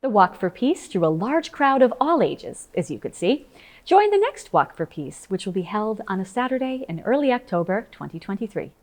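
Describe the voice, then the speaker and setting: A woman hosting a local news program, reading scripted narration in a clear announcing manner. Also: medium pitch, sing-song, normal speed, darkish tone. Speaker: news host.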